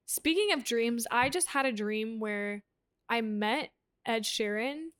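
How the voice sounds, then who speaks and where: A woman's voice: on the high side, takes it slowly, a bit bright. A young woman co-hosting a podcast, telling stories in a casual, giggly way and saying "like" a lot. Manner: giggly, storytelling, heavy on "like". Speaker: podcast co-host. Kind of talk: casual chat.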